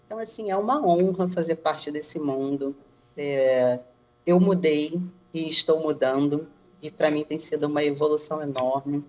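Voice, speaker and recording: A woman's voice: deep voice, moderate pace. A stevedore with a Brazilian Portuguese accent, talking in a casual podcast interview. She tells her stories with animation and slips into the voices of the people she quotes. The sound is a little dull and lo-fi. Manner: animated storyteller who acts out quoted remarks. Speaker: stevedore guest.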